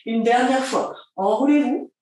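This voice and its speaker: Woman, pilates instructor, cheerful and encouraging, counts reps, fairly high voice, heavy room echo. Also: measured pace, dark tone. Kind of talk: guided workout instruction. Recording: very echoey room, mic at a distance.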